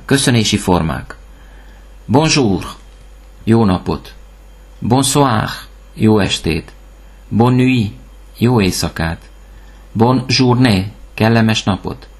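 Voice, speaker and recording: Husky man reading a language lesson. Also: fairly low pitch. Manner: reads word lists, pausing after each item. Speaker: language teacher. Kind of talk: slow, clear language lesson.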